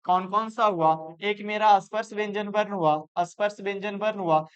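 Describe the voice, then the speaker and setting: A man's voice: high-pitched, steady tone, normal speed, clear, resonant tone. A male teacher giving a classroom grammar lesson, repeating points and asking and answering his own questions. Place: classroom with students.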